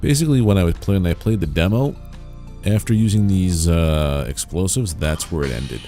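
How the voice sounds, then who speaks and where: A man's voice: low voice, lively intonation, moderate pace, dark tone, soft background music. A man giving casual, informal commentary on a game livestream, often muttering to himself.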